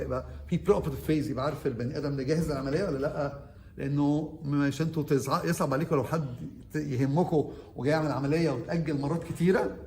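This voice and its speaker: A man's voice: on the high side, a little mellow, reverberant, a little hiss or hum. A man with an Egyptian Arabic accent, a surgeon giving an orientation lecture to medical interns. He quizzes the class and switches between Arabic and English medical terms.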